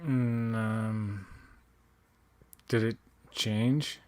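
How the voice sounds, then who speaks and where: A man co-hosting a casual watch-along commentary, making wry deadpan jokes and rambling asides. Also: on the low side, very slow, smooth. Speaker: co-host.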